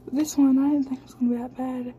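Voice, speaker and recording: With a warm, high voice that barely moves in pitch, an amateur storm chaser talks fast into a handheld phone, scared, shaky and exclaiming as she records. The noisy phone audio has its highs cut off and storm ambience behind it.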